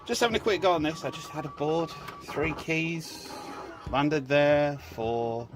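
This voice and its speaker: A man's voice: fairly high pitch, measured pace, music in the background. A man giving informal, sweary commentary while he plays a slot machine, talking to the machine as he goes. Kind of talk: casual gameplay commentary.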